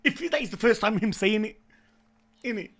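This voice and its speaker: This YouTube anime reaction host is a young man with a raspy, creaky voice that sits high and moves briskly. He does excited live reaction commentary in hyped-up, slangy bro talk that keeps bursting into shouts.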